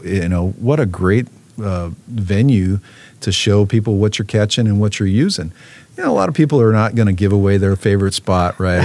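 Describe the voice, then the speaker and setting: A man's voice: lowish voice, a little mellow. A man, a fishing program manager, talking casually in an interview, with many fillers and restarts.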